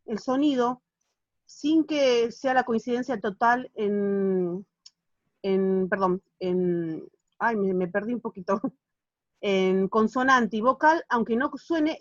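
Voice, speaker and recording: A woman's voice: on the high side, dry recording, highs cut off. A woman teaching literature on a video call, patiently explaining and checking in with her students. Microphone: phone or laptop on a video call.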